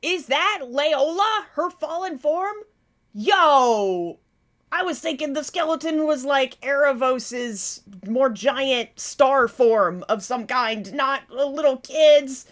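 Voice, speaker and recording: A woman's voice: high-pitched, slow pace, few pauses. A woman hosting a reaction video, talking casually and expressively, with frequent exclamations and swearing.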